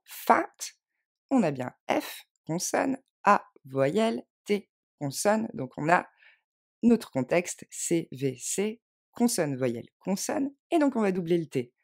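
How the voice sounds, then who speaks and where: Gravelly-voiced woman teaching grammar. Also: lowish voice, very animated. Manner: clear, patient, spells out letters slowly. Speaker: English teacher. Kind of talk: French grammar lesson.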